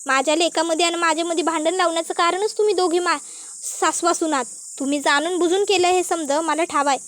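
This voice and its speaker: Brief: woman voicing a defiant older village matriarch, high-pitched, scolding rustic speech. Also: steady tone, fairly quick, a bit bright, no room sound.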